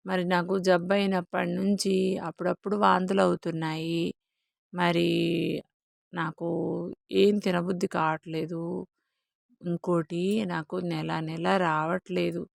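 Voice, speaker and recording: A woman's voice: on the low side, little pitch movement, a little slow, creaky, long pauses, no echo, clean studio sound. A woman voicing a naive, frightened young wife who complains innocently. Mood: plaintive.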